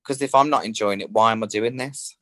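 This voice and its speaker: A man with a British accent, a drag performer appearing as an interview guest from home, speaks fairly quickly in a fairly low, pushed and bright voice, with no room sound. His casual comic chat is cheeky, sweary and full of slang.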